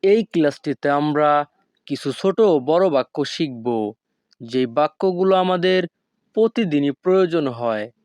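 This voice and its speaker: A man teaching a language lesson who speaks slowly and deliberately, repeating each foreign phrase carefully. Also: on the high side, expressive, a little mellow, clear, resonant tone, dry recording.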